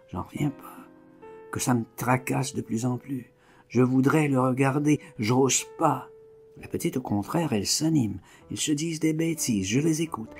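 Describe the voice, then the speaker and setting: Slow, gravelly man reading a novel aloud. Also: mid-range voice. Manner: short, clipped phrases read with emphatic swings in loudness. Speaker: reader of a novel. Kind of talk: literary reading of a first-person novel.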